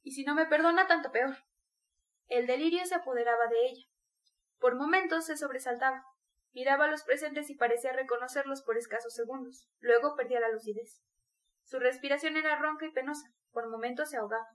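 A woman narrating a classic novel aloud in a measured, even storytelling voice. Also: high voice. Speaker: audiobook narrator. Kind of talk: scripted literary narration.

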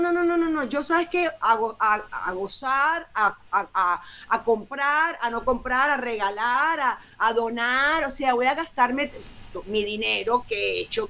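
A woman's voice: high-pitched, sharp tone. A woman, chatting animatedly as a guest and repeating words for emphasis. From Venezuela. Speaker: guest, singer and actress. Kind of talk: casual interview chat.

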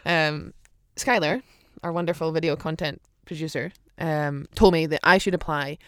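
A woman's voice: low voice, moderate pace, clear, resonant tone, dry recording, studio quality. A Scottish woman hosting a podcast in casual chat, self-deprecating and chatty, laughing often. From Scotland. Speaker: podcast host.

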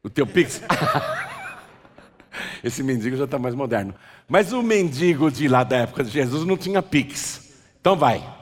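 A man's voice: medium pitch, lively intonation, a little slow, pauses often. A man preaching a sermon, joking and acting out a street scene with a volunteer. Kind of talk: sermon with live role-play. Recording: long hall reverb.

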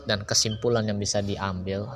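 A man preaching an Islamic lesson, explaining slowly with chatty asides. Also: lowish voice, level tone, background noise. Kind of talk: casual sermon. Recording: music behind. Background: music.

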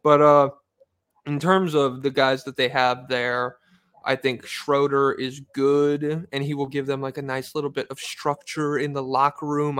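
A man's voice: medium pitch, fairly bright tone, clean tone, dry recording. A man co-hosting a podcast, chatting loosely about basketball with lots of fillers and the odd swear word. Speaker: podcast co-host. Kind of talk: casual basketball chat.

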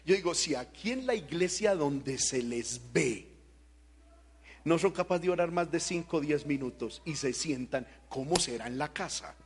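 A man preaching an impassioned evangelical sermon, shifting between loud shouted exhortation and quieter talk, driving points home with rhetorical questions. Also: a little high, lively intonation, normal speed, husky.

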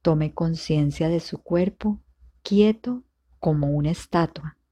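In a low voice, a woman leads a guided meditation as its instructor, calmly and steadily delivering soothing instructions punctuated by long pauses.

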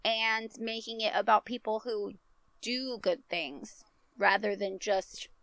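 A woman's voice: medium pitch, slow, fairly bright tone, no echo. A woman co-hosting a podcast in casual, joking chat, swearing freely, recorded inside a small closet at home. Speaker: podcast co-host.

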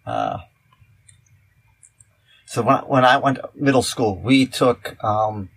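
A man co-hosting a podcast, chatting casually, telling jokes and filling pauses with "um". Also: medium pitch, wildly swooping pitch, gravelly, fairly bright tone, slight background noise. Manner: joking, chatty, many fillers. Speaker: podcast co-host.

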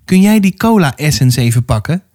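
A man reading a children's book aloud, voicing a twelve-year-old boy who bakes, sulky and brisk, in a gruff, hurried voice. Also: on the high side, very animated, mellow. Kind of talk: audiobook reading for a podcast.

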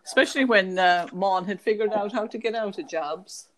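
A woman's voice: medium pitch, moderate pace, a bit bright, rough recording. A chatty woman with a west of Ireland accent from Kerry, reminiscing casually in an interview. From County Kerry, Ireland. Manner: chatty, frequently breaking into laughter.

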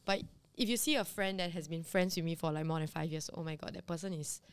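A woman's voice: lowish voice, quick pace, clear, resonant tone. A woman co-hosting a casual chat, talking in a rambling way with many fillers. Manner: chatty, filler-heavy, lots of "like". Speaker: podcast co-host.

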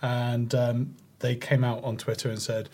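A man co-hosting a comedy podcast, telling a news item in a halting, filler-heavy way. His voice sits at an ordinary middle pitch. He keeps picking his thread back up through the casual banter. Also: flat delivery, a little mellow. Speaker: podcast co-host reading out news.

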